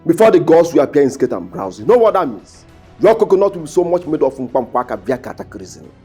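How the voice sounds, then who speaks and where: An actor with a Nigerian accent playing a pompous, wordy young prince with a husky voice in a film drama. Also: male voice, on the high side, very animated, fast talker, dark tone, soft background music. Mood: pompous, scolding. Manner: pompous, florid.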